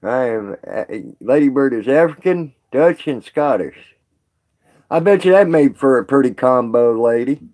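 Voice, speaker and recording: A man's voice: medium pitch, lively intonation, a little slow, darkish tone. A man chatting casually on a live stream with viewers, rambling and folksy, laughing often.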